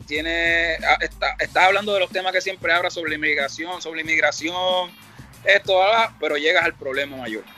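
A man's voice: fairly high pitch, bright, forceful tone. A middle-aged man with a Puerto Rican Spanish accent, a rapper telling his story in a casual interview, rambling and reflective, acting out the dialogue he quotes. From Puerto Rico.

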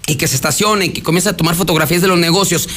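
A man's voice: a little high, racing, a bit bright. A man with a Mexican Spanish accent hosting news radio, retelling a court hearing in a rambling conversational way, acting out the quotes. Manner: rambling, frequent restarts, acts out quotes.

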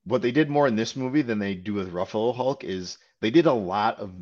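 Man, lowish voice, casual podcast co-host who rambles with lots of fillers; dull lo-fi sound. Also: fairly quick, a little mellow. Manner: rambling, lots of "like" and "you know". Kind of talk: casual film discussion chat.

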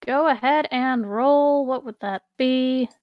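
Female game master for tabletop fantasy, higher voice, measured dramatic narration, close dry sound. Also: dry recording, dull audio.

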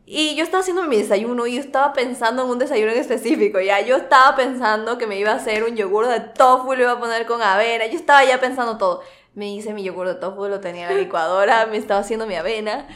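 An Ecuadorian woman in her young adult years hosts a relaxed, chatty podcast talk. Her voice sits a little high, and she recounts stories with lively animation, sprinkling in "como que" as she goes. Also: fast talker. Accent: Ecuadorian coastal Spanish. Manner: animated storyteller, acts out quoted voices; frequent "como que" fillers. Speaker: podcast host. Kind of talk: casual conversation.

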